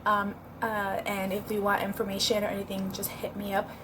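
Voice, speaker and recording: A woman's voice: mid-range voice, completely flat delivery, a little fast, background noise. A woman chatting casually in a home cooking vlog, upbeat and rambling with fillers, at times talking while she eats. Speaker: vlogger.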